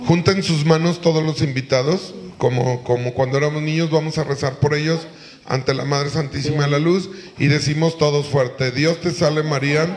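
Mexican priest directing a wedding mass. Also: male voice, on the high side. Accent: Mexican Spanish. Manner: directive, gently joking. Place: large church.

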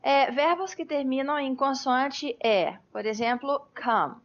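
A woman's voice: sits high, slow pace. A Brazilian woman co-hosting a podcast lesson, laying out English spelling rules precisely and spelling words letter by letter. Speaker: English teacher, podcast co-host. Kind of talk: conversational teaching podcast. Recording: muffled online call audio.

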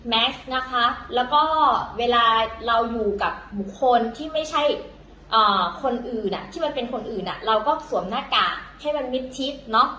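A woman's voice: fairly high pitch, expressive, moderate pace, sharp tone, echoey room, a little hiss or hum, low-quality recording. A woman teaching in a casual, chatty way, full of fillers and self-corrections, talking to viewers as younger siblings. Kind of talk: casual vlog-style lesson.

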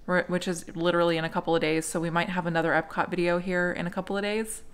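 A woman's voice: fairly low pitch, level tone, fast talker, smooth. An American woman in her thirties giving a casual, conversational food review at home. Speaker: food and travel vlogger. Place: small living room at home, indoors on a couch.

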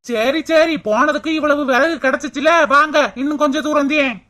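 A high, bright cartoon village girl voiced by a woman who is brisk and teasing, sure that she knows everything. She coaxes and needles in a southern Tamil Nadu rural dialect. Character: bold, knowing young village woman.

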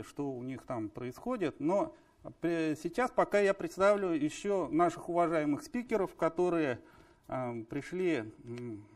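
Male panel host, slightly high pitch, halting and filler-heavy. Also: a little mellow. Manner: hesitant, many drawn-out filler sounds. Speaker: discussion club moderator. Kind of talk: hosting a live panel discussion.

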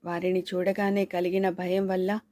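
Woman audiobook narrator, measured suspenseful reading, warm mellow voice, dry close mic. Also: fairly low pitch, flat delivery, no echo. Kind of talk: scripted novel narration.

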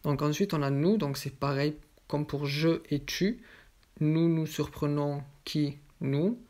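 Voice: mid-range voice, takes it slowly, darkish tone. A teacher giving a voice-over grammar lesson, working methodically through each example with a question and its answer. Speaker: French teacher.

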